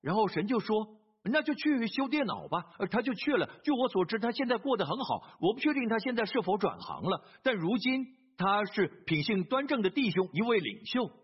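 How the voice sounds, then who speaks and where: A man's voice: high-pitched, big pitch swings, brisk, few pauses, slightly rough. A man preaching a sermon, telling a story earnestly, with hesitant fillers and repeated phrases. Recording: dull lo-fi sermon recording.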